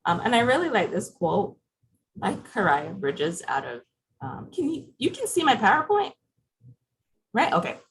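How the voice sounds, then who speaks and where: A woman's voice: mid-range voice, sing-song, normal speed, pauses often, rough recording. A woman from Barbados, giving a conversational presentation over a video call and putting questions to her audience. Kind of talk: interactive presentation.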